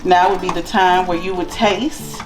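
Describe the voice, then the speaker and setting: A woman's voice: on the low side, fairly even intonation, measured pace, music in the background. Chatty woman cooking in an echoey kitchen. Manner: chatty, addresses viewers as y'all and child. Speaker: cooking channel host. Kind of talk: casual cooking vlog. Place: home kitchen.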